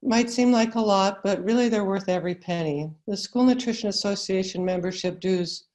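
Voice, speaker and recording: An American woman with a croaky frog voice, giving a webinar presentation as a guest speaker. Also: medium pitch, moderate pace, darkish tone. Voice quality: croaky, froggy voice. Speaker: guest presenter, school food service director. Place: remote online webinar.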